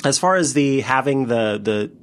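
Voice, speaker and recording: A man talking casually as a podcast panelist, animated and rambling with fillers and restarts. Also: medium pitch, moderate pace. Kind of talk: casual chat.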